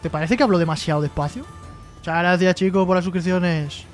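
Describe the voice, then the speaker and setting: Man, high voice, live-stream host, jokey reading chat aloud, light music in the background. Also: steady tone, fairly quick. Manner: joking, reads chat messages aloud and replies.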